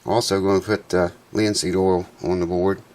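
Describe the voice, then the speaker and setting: A man with a low, darkish voice and flat delivery speaks at a normal speed while hosting a guitar repair vlog from his workshop. His manner is folksy and enthusiastic, though he sounds congested, as if his nose is stuffed up.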